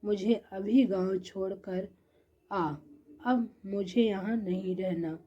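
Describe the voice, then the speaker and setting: A woman's voice: medium pitch, steady tone, takes it slowly, mellow, close to an everyday voice. A woman voicing an angry, stubborn older mother-in-law who scolds and insists in a storybook tale. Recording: dull lo-fi recording.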